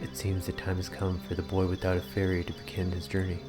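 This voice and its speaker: A man reading aloud as an ancient guardian tree spirit, slow, solemn and old-fashioned. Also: low voice, monotone, over music, close to an everyday voice. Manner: slow, archaic, grave.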